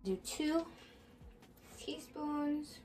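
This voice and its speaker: Over music, a young woman talks through a bake-along in her home kitchen at an extremely slow pace, her high voice expressive. A baking vlogger, she muses aloud casually while the counter-mounted camera keeps her mostly out of frame.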